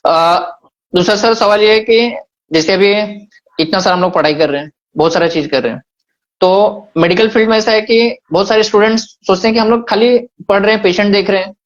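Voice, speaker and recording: Polite male interviewer, muffled sound. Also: sits high. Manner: polite, addresses guest as sir, agreeable. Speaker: host. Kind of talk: interviewer questions.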